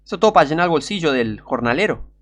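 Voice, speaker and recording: A man with a Rioplatense Spanish accent preaching a sermon, urgent and pleading, sometimes breaking into shouts. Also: on the high side, expressive, very fast.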